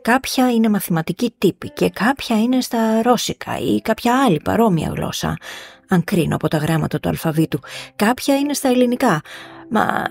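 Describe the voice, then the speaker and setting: A woman reading the lines of an irritable, jumpy gentleman scholar in an audiobook story. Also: medium pitch, animated, vocal fry, pitched above the performer's own voice.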